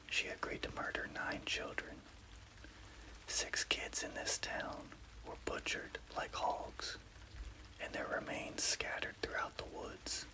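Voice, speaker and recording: Male ASMR horror narrator, whispers throughout with no voicing, careful storyteller's delivery over rainfall. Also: rough recording. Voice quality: unvoiced, breathy whisper.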